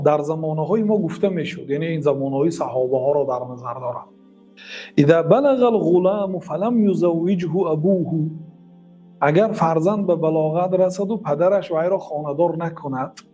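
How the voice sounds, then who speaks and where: A man's voice: on the high side, dark tone. A man with a Tajik accent, an Islamic teacher giving a religious lesson who recites Arabic verses and translates them line by line.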